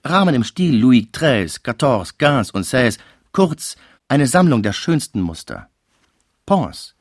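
A man reading a classic novel aloud in a measured, expressive narration. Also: lowish voice, dry recording, studio quality. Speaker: audiobook narrator.

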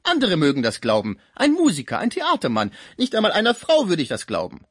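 A man doing a shrill nagging old concierge woman. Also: wildly swooping pitch, fairly quick, breathy edge, no echo, clean studio sound, heavily acted. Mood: mocking nagging. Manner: shrill, nagging, high and loud. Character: scolding gossipy older female concierge.

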